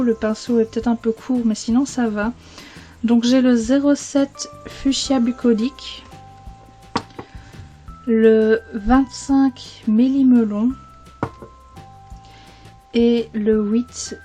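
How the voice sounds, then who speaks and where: Belgian French woman, casual vlogger, slightly high, mellow voice, rambling chat with self-corrections, faint music underneath. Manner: chatty, rambling, frequent self-corrections and fillers. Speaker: beauty vlogger. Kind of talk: casual chatty video.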